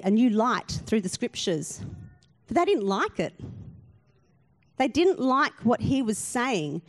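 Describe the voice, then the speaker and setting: A woman pastor delivers a sermon with a mid-range voice, pitched neither high nor low. She keeps it chatty and pokes fun at herself. She often turns to the congregation with questions. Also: a little mellow. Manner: conversational, asks the congregation questions; self-deprecating humour.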